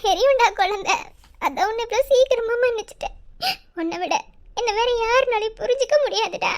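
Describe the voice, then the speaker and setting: A woman's voice: very high voice, fairly quick. A woman voicing a young, affectionate cartoon wife who soothes and coaxes her husband. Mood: soothing. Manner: soothing, coaxing tone. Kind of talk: cartoon voice acting.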